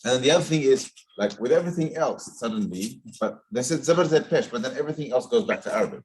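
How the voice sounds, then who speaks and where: A man whose first language is Bengali teaching Quran recitation in a live class. He corrects students patiently and models words slowly. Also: medium pitch, lively intonation, a little mellow.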